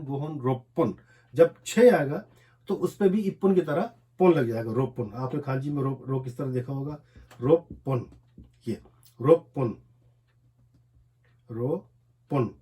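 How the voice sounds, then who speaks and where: A man with an Urdu accent teaching a language lesson, explaining as he writes and repeating each word slowly, syllable by syllable. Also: fairly high pitch, warm tone. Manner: repetitive, drills words slowly one syllable at a time. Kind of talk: explaining a lesson while writing on a board.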